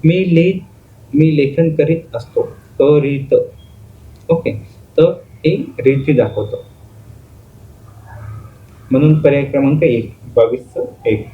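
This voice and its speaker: A man's voice: on the high side, takes it slowly, long pauses. A male teacher giving an exam-prep grammar lesson, explaining step by step by asking questions and answering them himself. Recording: phone-like lo-fi audio with faint noise.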